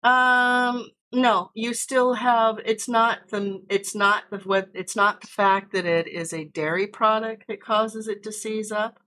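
American woman, cooking stream host, chatty and explanatory, slow easy delivery. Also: medium pitch, fairly even intonation, sharp tone. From United States. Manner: chatty, explains steps while cooking and answers chat. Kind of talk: casual cooking livestream chat. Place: home kitchen.

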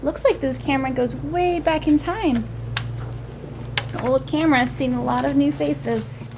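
A young woman's high-pitched voice moves a little slowly as she reads a picture book to an imagined audience of small children, describing images and asking simple, wondering questions. She records at home in a small room, and background noise is noticeable.

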